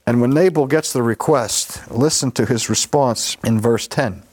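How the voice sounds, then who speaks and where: A man preaching a sermon, retelling scripture in an animated storytelling manner and acting out the voices of its characters. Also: mid-range voice, moderate pace.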